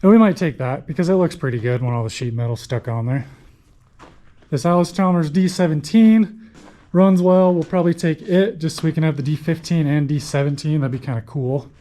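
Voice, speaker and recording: A young man chatting casually as he walks through his barn and shop showing off old tractors, folksy and quick to correct himself. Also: a little high, mellow, rough recording. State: out of breath. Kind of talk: casual walkthrough talk.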